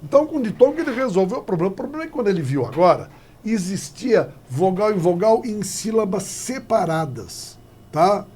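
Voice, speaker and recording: Animated husky male teacher lecturing. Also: sits high, fairly quick. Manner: lively, animated, acts out little dialogues. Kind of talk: classroom grammar lecture.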